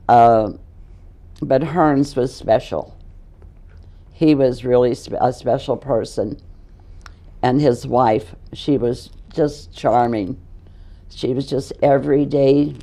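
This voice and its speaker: A woman in her nineties, hoarse and losing her voice, reminiscing in a halting way as an interview guest. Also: a bass voice, mellow. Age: 90s. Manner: halting, repeats words while recalling.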